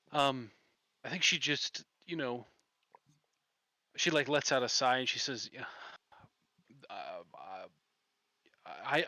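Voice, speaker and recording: A man's voice: medium pitch, pushed and bright, no room sound. A man playing a tabletop game who thinks aloud about his character in a hesitant way. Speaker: player.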